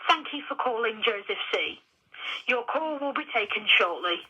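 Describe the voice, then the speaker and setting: A woman's voice: fairly high pitch, expressive, moderate pace, sharp tone, dull audio. A woman's recorded phone greeting, heard over a landline phone as she formally announces menu options.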